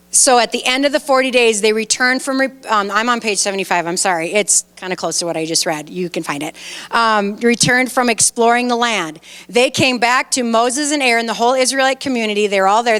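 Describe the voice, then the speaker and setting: Lady pastor telling bible stories, high clear voice, big churchy reverb. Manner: animated storytelling, reads aloud and chats with listeners. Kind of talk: lively sermon retelling scripture. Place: church sanctuary.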